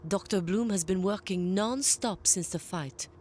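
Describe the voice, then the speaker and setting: A woman playing a gentle, reasonable ship doctor who talks calmly and considerately in a sci-fi audio drama. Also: mid-range voice, measured pace, a little hiss or hum, natural voice. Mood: calm, apologetic. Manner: calm, considerate.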